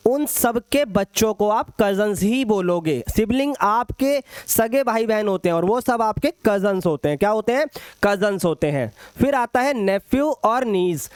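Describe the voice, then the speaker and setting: A man's voice: high-pitched, smooth, no echo. A young man teaching an online exam-prep maths lesson, calling students "beta", repeating points and adding playful asides.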